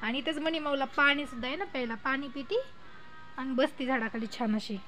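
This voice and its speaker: Young mother, home vlog, high bright voice, coaxing baby talk, outdoors on a phone camera. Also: brisk, faint music behind, poor audio. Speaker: mother filming her baby. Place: outdoors under trees.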